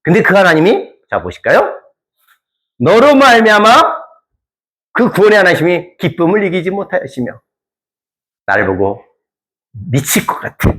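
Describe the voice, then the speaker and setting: A male pastor preaches to his congregation in a high-pitched, very animated voice at a moderate pace. He swings from hushed lines to emphatic, near-shouted ones and puts questions to his listeners.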